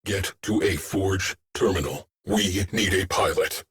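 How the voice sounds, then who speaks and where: The ship's tactical AI officer in a sci-fi video game is a stern male voice, lowish and very slow. It delivers short, clipped, deadpan military callouts, stoic and terse like an officer on the bridge, with a little hiss or hum in the audio.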